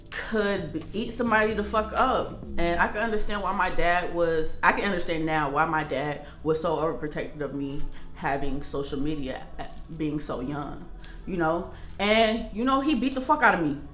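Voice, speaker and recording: A young woman vlogger telling a casual storytime, animated and slangy, often laughing. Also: fairly low pitch. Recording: roomy echo with faint music.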